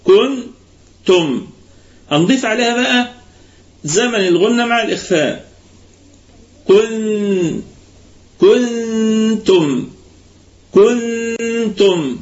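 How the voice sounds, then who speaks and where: A man with an Egyptian Arabic accent teaching Quran recitation in an online lesson, patiently explaining and stretching words out slowly to demonstrate them. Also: sits high. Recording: muffled online voice-chat audio.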